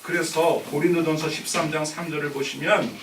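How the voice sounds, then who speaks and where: Male pastor, live sermon. High, lively delivery, taken from a distant mic in an echoey sanctuary. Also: fairly quick, noisy background. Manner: conversational storytelling preaching, acting out quoted speech. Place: church sanctuary. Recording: roomy live church recording from a distant mic.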